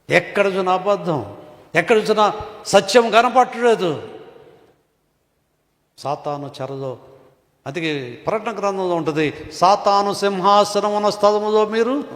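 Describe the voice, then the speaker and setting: A high-pitched pastor preaches a sermon in an echoey hall. He poses rhetorical questions to the congregation, his delivery swinging between loud and hushed.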